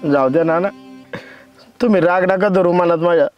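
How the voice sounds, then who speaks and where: A man's voice: sits high, normal speed, highs cut off, faint music behind, lightly acted. An actor playing a remorseful village father whose daughter eloped, pleading in rustic speech.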